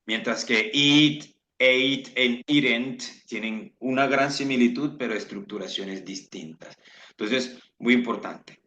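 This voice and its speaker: A male English teacher, giving a bilingual lesson and slowly repeating example sentences aloud. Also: mid-range voice, sharp tone. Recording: roomy, dull lo-fi sound.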